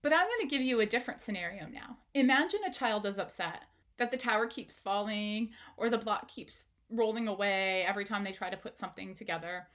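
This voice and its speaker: A woman's voice: medium pitch, brisk, a bit bright. A woman, a parenting educator, giving an instructional talk straight to the viewer, asking questions and encouraging them.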